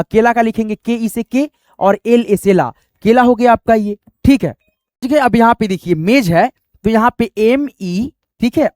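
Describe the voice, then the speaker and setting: A man's voice: high voice, a little mellow, dry recording, clean studio sound. A man teaching a spoken lesson, patiently spelling out letters one by one.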